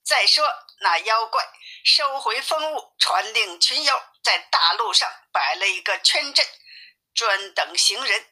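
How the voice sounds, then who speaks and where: A woman telling a classic tale in a steady, simplified storybook reading. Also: medium pitch, a little slow. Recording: tinny phone-like sound.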